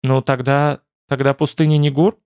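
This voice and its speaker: Anxious young bride-to-be, soft and fretful, audiobook; male reader lifting his pitch, dry sound. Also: a little fast, no echo, close to an everyday voice.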